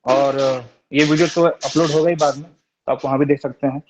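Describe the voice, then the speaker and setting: A man's voice: a little high, fairly even intonation, noisy background. A young man teaching a Sanskrit class online, patiently sounding out syllables one by one and checking in with his students. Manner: reassuring, repeats syllables slowly, often asks "theek hai?". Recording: dull lo-fi online class audio.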